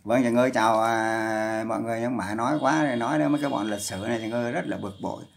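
A man delivers a heated, profane livestream rant. His scolding voice is gravelly with vocal fry and sits at an ordinary middle pitch. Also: fairly even intonation, fast talker.

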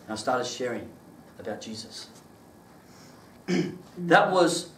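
A man preaching a sermon and telling his own testimony, animated and laughing through his stories. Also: mid-range voice, slight background noise. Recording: echoey room, mic at a distance.

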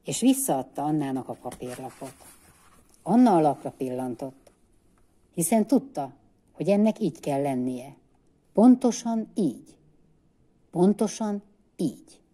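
A woman reading a children's book aloud in a measured, expressive way, as a librarian. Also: sits low. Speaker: librarian reader.

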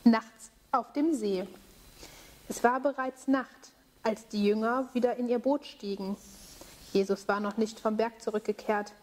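Woman reading a story to children. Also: fairly high pitch. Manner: slow, clear, expressive reading. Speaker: children's service leader.

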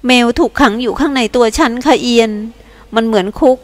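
A woman voicing a gentle alien soul living in a woman's body, speaking in soft sobbing pleas in an audiobook. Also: fairly high pitch, fairly quick, long reverb tail, lightly acted. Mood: tearful pleading.

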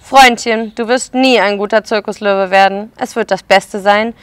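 A woman's voice: medium pitch, steady tone, normal speed, clear, resonant tone, dry recording, lightly acted. A woman voicing a commanding, middle-aged male circus director in a read-aloud storybook.

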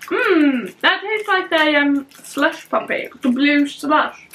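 A woman's voice: sits high, expressive, slow pace, a bit bright, slight background noise. A young British woman chatting wryly about flavours while chewing food as she talks. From Britain. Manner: chatty, wry, describing flavours. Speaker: vlogger tasting snacks. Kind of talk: casual chat.

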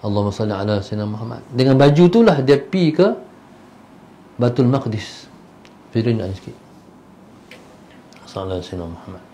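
Animated preacher telling a story. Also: male voice, medium pitch, brisk, pauses often, a little hiss or hum. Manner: animated, acts out the characters' voices; swings between loud bursts and soft asides. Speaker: religious teacher. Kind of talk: storytelling religious lecture.

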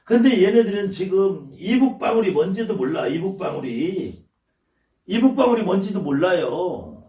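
A man's voice: sits high, sing-song, normal speed, mellow, roomy sound, distant mic. A man from the Chungcheong region, a shaman teaching his viewers, blunt and scolding and swearing freely as he lectures. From Chungcheong, South Korea.

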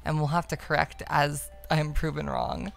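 A woman's voice: sits low, level tone, normal speed, faint music behind. A woman giving casual, playful and irreverent commentary as she plays a game. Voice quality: creaky. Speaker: game streamer. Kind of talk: casual gameplay commentary, reading dialogue aloud.

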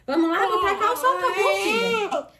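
A woman's voice: extremely high pitch, a little fast, over a noisy crowd. A young woman talking singsong baby talk to her newborn daughter, soothing and repeating words while changing her. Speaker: mother and vlogger.

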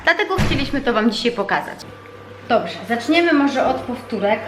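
A patient mother talks through a home reading lesson, calm and explanatory with small pauses as she searches for words. Her voice sits a little high and rings in an echoey room. A faint noise hums underneath. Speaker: parent teaching her child to read.

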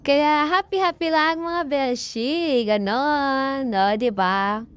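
Upbeat woman vlogger outdoors on a peak, fairly high voice, unhurried talk, dull lo-fi phone sound. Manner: bubbly, playful, addresses viewers as friends. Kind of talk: chatty hiking vlog.

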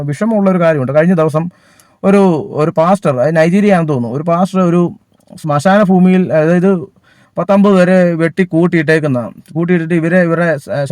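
A man preaches in a high, lifted voice, recorded close and dry with no room sound. He stops often, fills gaps and restarts his sentences as he works through his point. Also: a little mellow, no echo. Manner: halting, many fillers and restarts. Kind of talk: sermon.

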